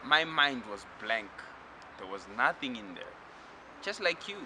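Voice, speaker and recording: A man from Zimbabwe giving a spiritual lecture, talking slowly and reflectively and addressing the listener directly. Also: medium pitch, sing-song, noisy background.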